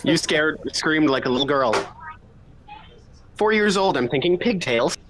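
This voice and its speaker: A man's voice: a little high, animated, a little slow, a crowd in the background. A man playing a tabletop game, speaking casually with a cheeky, wisecracking manner. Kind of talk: casual, joking role-play chat.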